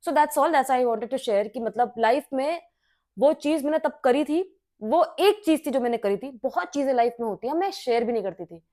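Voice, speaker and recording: A woman's voice: high-pitched, animated, moderate pace, warm tone. A young woman from India tells a story to her camera, switching between Hindi and English and acting out what others said. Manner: mixes Hindi and English, acts out her mother's and teacher's lines. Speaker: vlogger.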